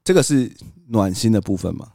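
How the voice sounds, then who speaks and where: A man's voice: on the low side, lively intonation, a little fast, vocal fry, mellow, no room sound, studio quality. A man co-hosting a casual podcast, a father telling stories about his toddler and acting out the child's replies. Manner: storytelling, acts out toddler's cries. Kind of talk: casual chat.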